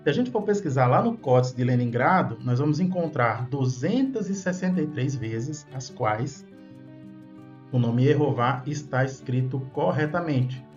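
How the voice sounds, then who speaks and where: A man's voice: mid-range voice, lively intonation, normal speed, a little mellow. A man giving an explanatory lesson on Bible languages, patient and often checking in with listeners. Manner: patient, checks in with tag questions. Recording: dull lo-fi sound. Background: faint background music.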